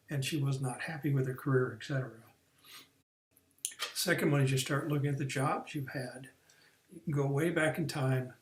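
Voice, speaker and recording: A man's voice: medium pitch, roomy sound. A man, working as a career coach, explaining the steps of an online training lesson in an unscripted way, with fillers and restarts.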